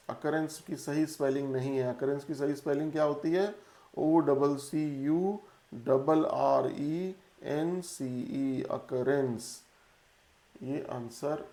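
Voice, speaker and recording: A man's voice: medium pitch, dark tone, echoey room. A man teaching an exam-prep English lesson in Hindi, spelling out words letter by letter. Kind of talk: classroom-style lesson.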